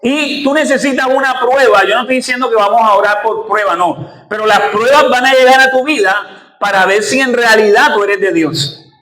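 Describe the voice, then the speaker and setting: Male pastor with a high, light voice. He preaches in a church and has the room answer his lines back to him. Heavy room echo on the recording. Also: normal speed, fairly bright tone. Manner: preaching, calls congregation to repeat after him. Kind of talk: sermon.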